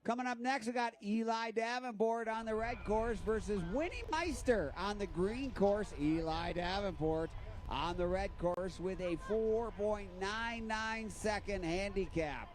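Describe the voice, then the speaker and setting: A man's voice: high voice, measured pace. A man announcing a ski race live as a race caller, giving out names, courses and margins. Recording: clear background noise, outdoor event ambience.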